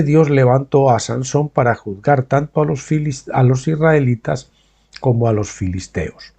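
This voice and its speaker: Mellow-voiced man teaching the Bible. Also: mid-range voice. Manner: adds questioning tags to check listeners follow; pauses to explain names and terms in his own words. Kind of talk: reading a Bible study aloud with spoken asides.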